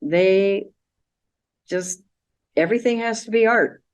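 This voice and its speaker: A woman's voice: medium pitch, slow pace, a little mellow, clear, resonant tone. A woman giving a casual, chatty slideshow talk about a trip, wandering from point to point with plenty of fillers. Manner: chatty, meandering, with many fillers. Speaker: presenter of a travel slideshow. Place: library meeting room.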